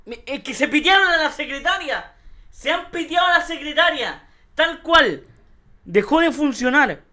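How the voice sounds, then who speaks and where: A man's voice: very high voice, lively intonation, normal speed, pushed and bright. A man with a Chilean accent reacting on a live stream in exasperated, laughing disbelief. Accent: Chilean Spanish. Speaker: livestreaming host.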